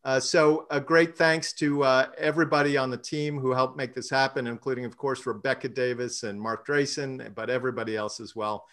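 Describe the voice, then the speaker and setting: At an online council meeting, the treasurer, who also chairs the finance committee, walks through a budget and calls a vote. He talks in a measured way, full of fillers and restarts, with a mid-range, slightly bright voice and fairly even intonation.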